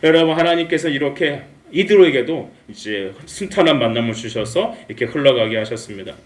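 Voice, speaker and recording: A male pastor preaching a Sunday sermon in a church, lively and humorous, acting out the characters' lines. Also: mid-range voice, brisk. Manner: animated, acts out dialogue with humor. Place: church sanctuary. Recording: echoey room, mic at a distance.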